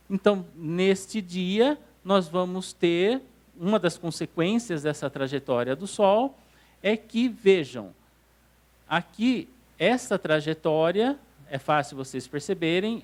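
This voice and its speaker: Brazilian man giving an astronomy lecture. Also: high-pitched. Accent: Brazilian Portuguese. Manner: explanatory, checks understanding with "tá certo?". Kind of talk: classroom lecture. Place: council hall lecture room.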